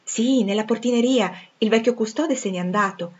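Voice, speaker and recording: A woman voicing a warm-hearted young former nursemaid, talking in an eager, gossipy, affectionate way, in a dull lo-fi recording. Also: fairly high pitch, moderate pace, voice pushed up, close to an everyday voice. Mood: chatty.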